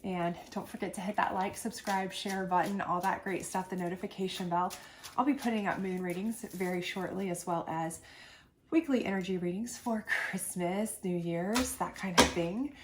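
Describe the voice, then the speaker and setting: This tarot reader's fairly low, steady voice moves at a normal pace, thick with congestion from a sinus infection. She offers a casual, reassuring love reading to camera, chatty and filler-laden, over background noise.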